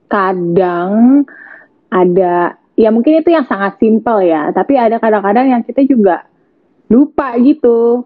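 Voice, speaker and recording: A woman's voice: medium pitch, no room sound. A woman in casual, slangy chat about parenting, laughing often and acting out quotes. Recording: tinny phone-line audio, dry.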